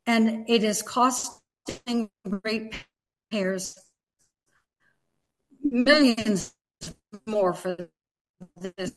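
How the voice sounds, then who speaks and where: Woman calling in to a meeting, audio glitching and cutting out, slow halting delivery, fed up. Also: on the high side, rough recording. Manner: exasperated, insistent, halting. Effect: glitching, breaking-up online call audio. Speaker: public commenter calling in. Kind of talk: public comment at a board meeting. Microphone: remote online call.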